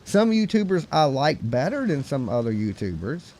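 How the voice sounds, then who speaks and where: A man's voice: fairly high pitch, sing-song, normal speed, warm tone. A man with a Southern US hillbilly accent, chatting casually and rambling as the host of a live call-in stream.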